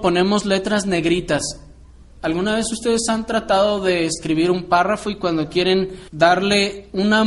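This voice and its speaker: A man with a high, light voice delivers a sermon-style Bible lesson. He talks at an unhurried pace, laying out each point carefully and turning to his listeners with rhetorical questions. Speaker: preacher teaching the Bible.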